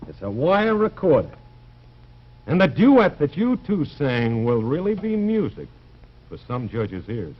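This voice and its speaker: A cool-headed American private detective from a fifties crime drama. The wry voice rises and falls freely at a middling pitch, in dull old broadcast sound. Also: male voice, wildly swooping pitch, a little slow. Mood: cool, taunting. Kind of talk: 1950s crime drama acting.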